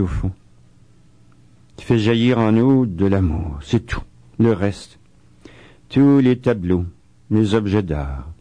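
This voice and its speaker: A man giving a spiritual talk as a preacher, reading quotations slowly and solemnly and adding chatty asides. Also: fairly low pitch, mellow, no room sound. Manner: reads quoted writings slowly and solemnly, adds chatty asides. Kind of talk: spiritual talk on a saint's life.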